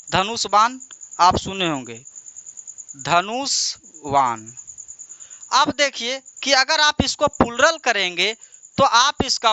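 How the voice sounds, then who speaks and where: A male teacher works through a lesson with a crisp, resonant voice that carries a bright edge. He keeps turning each answer back into a question for his students and encourages them patiently. The sound is close and dry. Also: very high voice, no room sound. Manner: repeats answers as questions to the class. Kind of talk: classroom lesson at a board.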